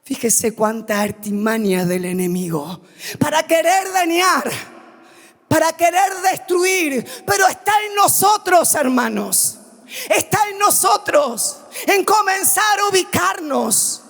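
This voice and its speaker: A woman pastor preaching a sermon, calling out loud and then dropping suddenly to quiet asides. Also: very high voice, expressive, takes it slowly, vocal fry, in a large hall. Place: church.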